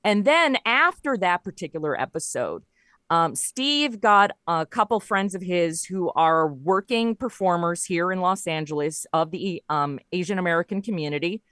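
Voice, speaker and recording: Her voice sits on the low side and is a bit bright, captured cleanly in the studio without any room sound. As a guest in an interview, this audio drama writer and producer talks at length about her creative work, casually and through stories.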